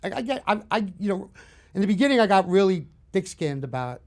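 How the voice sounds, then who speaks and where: A man in his fifties with a Bronx New York accent, a horror film director chatting through stories in an interview, animated and full of restarts. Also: sits high, fast talker. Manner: storytelling, animated, restarts often. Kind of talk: casual interview chat.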